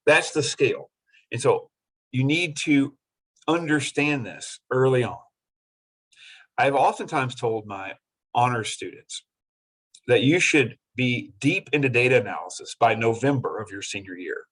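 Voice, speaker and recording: A middle-aged man delivers a university lecture, earnest and repetitive as he drives his points home. His voice is slightly husky and sits at an ordinary pitch for a man. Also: expressive, measured pace, a bit bright, poor audio. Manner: earnest, repetitive, acts out students in quotes. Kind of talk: classroom lecture.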